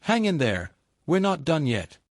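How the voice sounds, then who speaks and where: A man voicing a tired, gentle rescuer. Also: a little high, big pitch swings, unhurried, no echo, studio quality, pitched above the performer's own voice. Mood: soft, encouraging. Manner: soft, encouraging murmur. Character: weary grown man rescuing a horse, gentle and stubborn.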